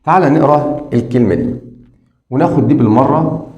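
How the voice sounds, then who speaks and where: A man with an Egyptian Arabic accent teaches English phonics to beginners, repeating sounds slowly and talking straight to the viewer. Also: mid-range voice, roomy sound, highs cut off. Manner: drills sounds slowly and repeats them, addresses the viewer directly.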